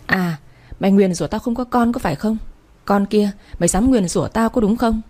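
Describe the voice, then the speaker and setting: A woman's voice: mid-range voice, a little fast, mellow, natural voice. A woman voicing an arrogant young married woman who scolds and screeches insults. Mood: furious.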